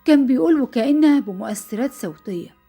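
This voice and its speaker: Brief: Egyptian female storyteller, young, fearful and quick, warm husky tone. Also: high-pitched, animated, faint music behind. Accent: Egyptian Arabic. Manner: breathless, fearful retelling. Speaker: narrator. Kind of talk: dramatic first-person horror storytelling.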